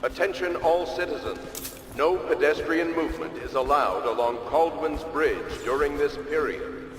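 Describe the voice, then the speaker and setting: Stern city official on a loudspeaker, formal commanding announcement, kinda high, echoey with loud game noise behind. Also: male voice, measured pace. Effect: public loudspeaker broadcast. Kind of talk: video game voice acting.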